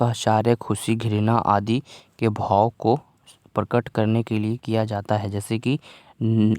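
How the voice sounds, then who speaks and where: Guy teaching little kids a worksheet, kinda low flat voice, patient, keeps asking if they got it, dry sound. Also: no room sound. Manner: patient, repeats phrases and keeps asking "theek hai?". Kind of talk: casual online lesson for children.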